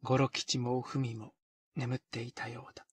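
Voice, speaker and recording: Husky man reading a period novel. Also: mid-range voice, little pitch movement, moderate pace, dry recording. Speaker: narrator. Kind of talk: scripted narration of a period novel.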